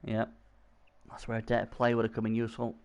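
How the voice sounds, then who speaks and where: A man giving casual, excitable commentary on a video game match, often repeating himself. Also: on the low side, fairly quick, smooth.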